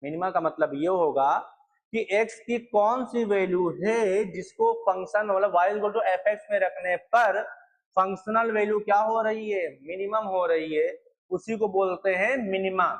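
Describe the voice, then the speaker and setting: A man's voice: high voice, a little slow, rough recording. A young man lecturing on math at a board, repeating points and asking his students questions. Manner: repetitive, asks students questions. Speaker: math teacher.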